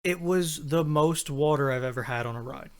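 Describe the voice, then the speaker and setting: A man's voice: fairly high pitch, moderate pace, smooth. A man co-hosting a podcast, telling a story in laid-back, plainspoken casual chat. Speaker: podcast co-host.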